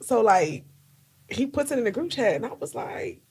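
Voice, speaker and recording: A woman's voice: on the high side, very animated, normal speed, darkish tone, slightly rough. A young woman from New Jersey co-hosting a podcast in casual chat, joking and laughing often. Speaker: podcast co-host.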